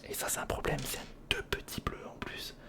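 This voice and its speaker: In a breathy, mostly voiceless whisper at normal speed, a male ASMR host works through a casual, improvised build-along, muttering hesitantly to himself and chatting to the viewer.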